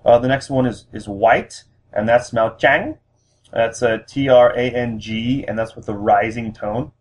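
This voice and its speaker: A man's voice: mid-range voice, level tone, moderate pace, darkish tone. A man giving a recorded spoken language lesson, explaining step by step with many ums and restarts. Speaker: language teacher.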